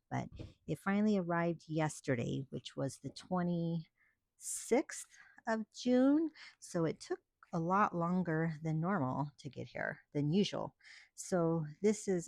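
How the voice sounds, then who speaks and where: In a dry recording, a crafting vlogger with a low-pitched voice chats on camera while unboxing supplies. She gasps and gushes over each item, excitable and chatty, often restarting.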